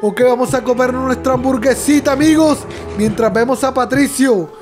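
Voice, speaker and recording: Man, very high voice, excitable let's-play host, soft music underneath. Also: normal speed. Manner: excitable, keeps addressing viewers as friends. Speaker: gaming channel host.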